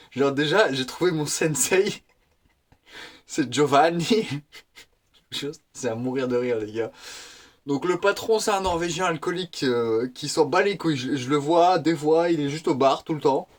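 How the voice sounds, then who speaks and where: An eighteen-year-old man chatting casually to his viewers in a slangy, excitable vlog style. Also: mid-range voice. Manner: slangy, excitable, laughs often. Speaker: vlogger.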